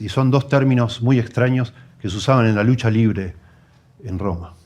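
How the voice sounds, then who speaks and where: Low-voiced Rioplatense Spanish preacher. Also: male voice. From Argentina. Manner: teaching, explains grammar and rhetorical questions to the congregation; emphatic repetition, builds up and then drops to quiet asides. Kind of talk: expository sermon.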